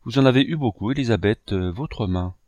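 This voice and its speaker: A man's voice: medium pitch, animated, a little fast, a little mellow, dry recording, natural voice. A man reading an audiobook, voicing a grieving young man who is tender and resolute and speaks earnestly.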